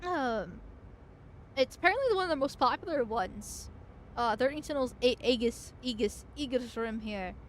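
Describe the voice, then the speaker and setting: A woman's voice: on the high side, expressive, moderate pace, slight background noise. A woman streamer chatting casually over her gameplay, giggling often and restarting her sentences. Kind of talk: casual gaming commentary.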